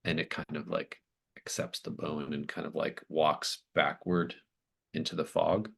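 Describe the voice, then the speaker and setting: Narrating a tabletop roleplaying scene, a game master with an extremely low voice puts each image together thoughtfully and improvises in halting bursts. His delivery is flat, creaky and slightly rough.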